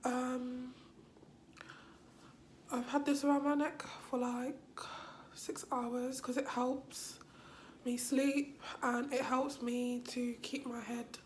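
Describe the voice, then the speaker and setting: A woman vlogging from a hospital room after surgery, her voice hoarse and weak, often dropping to a whisper. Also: high voice, little pitch movement, slow, long pauses, a little mellow, a little hiss or hum. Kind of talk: casual vlog.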